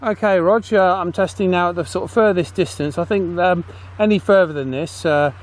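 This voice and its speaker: Outdoors on a path, a man with a voice that sits high hosts a casual video, testing walkie-talkies and chatting haltingly while checking in often. Faint outdoor background noise can be heard.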